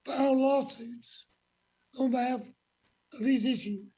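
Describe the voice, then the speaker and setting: Guy legislator grilling witnesses, really slow and husky, blunt folksy short phrases. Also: extremely high pitch, fairly even intonation, dark tone. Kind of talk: formal hearing questioning, folksy.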